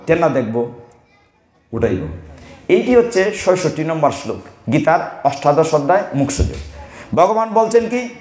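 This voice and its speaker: Echoey preaching man. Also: a little high. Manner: teasing, folksy preaching with slow Sanskrit recitation. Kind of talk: devotional sermon. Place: devotional gathering hall. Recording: roomy hall echo.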